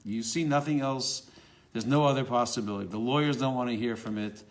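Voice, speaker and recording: A man tells a religious story in an unscripted, conversational way, his voice sitting at a middle pitch. He gets animated when he quotes people and stumbles into fillers and restarts now and then. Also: brisk. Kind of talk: spoken storytelling.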